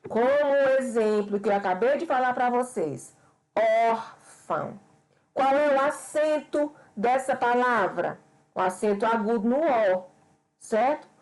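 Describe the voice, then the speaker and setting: A woman teacher from Brazil talks her students through a grammar lesson. She speaks slowly, with a voice pitched a little high, and explains each point patiently. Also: a little mellow, rough recording. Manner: slow, explanatory, addresses students as "pessoal". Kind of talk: remote school lesson.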